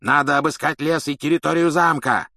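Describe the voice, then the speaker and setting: Guy doing a raging executioner, loud and barking, raised pitch, dry close sound. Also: brisk, dry recording. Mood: enraged. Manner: furious, barking. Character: shouting burly adult male executioner. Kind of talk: audiobook reading.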